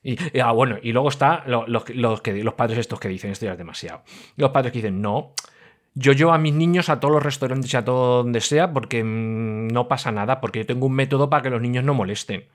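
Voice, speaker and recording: A middle-aged male podcast host vents in a casual monologue, swinging between loud, animated outbursts and low, muttered asides. His pitch is moderate and ordinary, and he talks a little fast.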